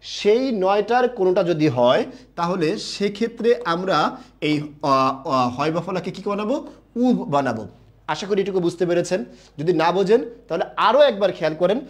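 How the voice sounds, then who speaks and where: A young man teaching a live online class. He asks questions and answers them himself, and reads viewer comments aloud. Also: high-pitched.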